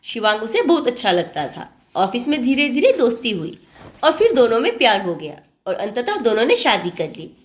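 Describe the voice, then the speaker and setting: A woman narrating an emotional family story in an expressive, dramatic storytelling manner. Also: on the high side, normal speed.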